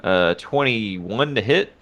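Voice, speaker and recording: A man's voice: on the low side, animated, takes it slowly, a bit bright. A man playing a warrior in a tabletop game, joking crudely with friends. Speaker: player. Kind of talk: casual tabletop game chat.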